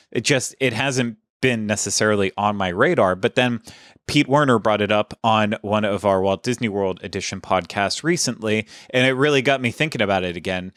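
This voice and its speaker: A man's voice: on the low side, fairly bright tone, no room sound, studio quality. A man hosting a casual podcast, talking in a chatty, rambling way with frequent restarts. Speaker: podcast host.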